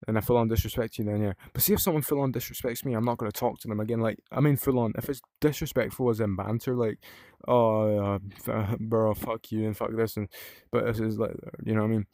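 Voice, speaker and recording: A man's voice: lowish voice, dark tone, dry recording, studio quality. A young British man from the UK chatting casually in a rambling vlog, swearing freely and using lots of fillers. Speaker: vlogger.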